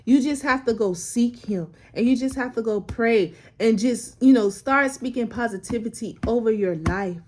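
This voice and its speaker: A woman's voice: on the high side, moderate pace, hardly any pauses, darkish tone. A woman, sharing a personal faith story in a casual, emotional way, close to tears and repeating phrases for emphasis. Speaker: vlogger sharing a faith testimony.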